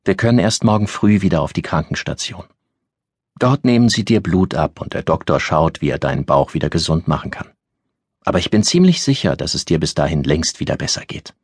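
A kindly woman caretaker, soothing and motherly, in a low, husky voice, as a male narrator plays her. The sound is close and dry, with no room around it. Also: animated, a little fast, no echo, exaggerated voice. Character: adult female caretaker, stern but kindly.

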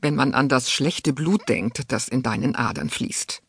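A woman's voice: a bass voice, a little slow, husky, no echo, heavily acted. A woman voicing a stern, disdainful aristocratic aunt who speaks sharply and impatiently. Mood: cold, scornful.

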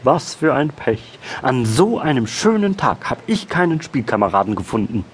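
A man voicing a small lonely frog in a children's audiobook, calling out in a high squeaky, excited way. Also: unhurried, slight background noise, full character voice. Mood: chirpy.

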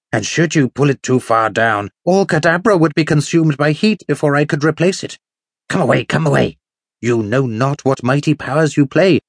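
Man putting on a high, querulous old miser, greedy and fearful, for an audiobook. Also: breathy edge, no echo, clean studio sound. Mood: alarmed. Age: older. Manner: shrill, wheedling and querulous. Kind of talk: audiobook character voice.

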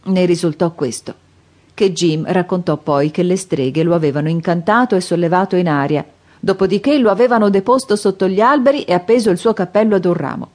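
Female audiobook narrator, calm and steady, lower-pitched voice. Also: a little fast.

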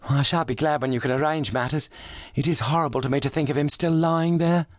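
A man putting on a high-voiced weary young lady. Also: fairly even intonation, a little fast, no room sound, clean studio sound, natural voice. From brought up in South Australia. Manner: raised, pleading, indignant. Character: young titled lady, injured, weary and passionate.

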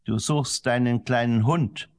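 A man voicing a mysterious, calm medicine man who speaks slowly and knowingly in a children's audiobook. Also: medium pitch, close to an everyday voice.

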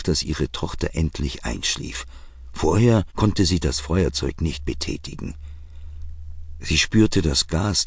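Male audiobook narrator, steady measured reading, husky voice, dry close sound. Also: low-pitched, no room sound.

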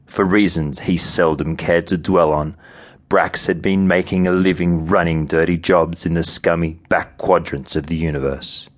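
A man narrating a novel in an audiobook, with measured, vivid storytelling. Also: sits low. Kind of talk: scripted narration.

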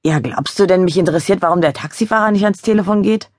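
A woman's voice: low-pitched, unhurried, no room sound, clean studio sound. A woman voicing a cool, impatient, condescending male boyfriend speaking on the phone.

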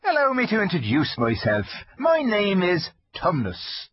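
Fawn, male, timid and courteous, very high fluttering voice, husky, dull lo-fi sound. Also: wildly swooping pitch, a little slow, no room sound, full character voice. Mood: fussy polite. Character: timid polite male fawn, small and fussy. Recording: dull lo-fi dry recording.

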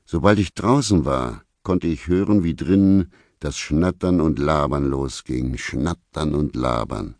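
Gruff male storyteller with a very deep voice, laconic and unhurried, dry close sound. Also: a little mellow, no echo. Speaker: audiobook narrator. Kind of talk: first-person literary narration.

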